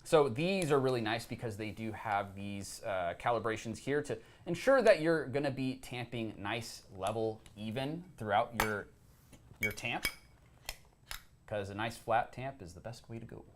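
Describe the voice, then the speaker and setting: A young man co-hosting a coffee gear show, explaining equipment in a relaxed, casual way with frequent ums and uhs. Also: medium pitch, normal speed, noisy background. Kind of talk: casual product chat.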